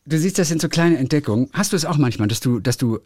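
A man's voice: fairly high pitch, lively intonation, fast talker, darkish tone, dry recording. A man on a casual podcast, reading bits of a book aloud and laughing often. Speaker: podcast co-host.

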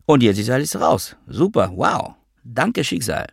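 A man reading an audiobook voices a sharp-tongued, bitter adult woman with a sarcastic, needling manner, pitching his voice up for her. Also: big pitch swings, unhurried, creaky, slightly rough, no echo, studio quality, full character voice. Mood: mocking. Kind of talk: audiobook character voice.

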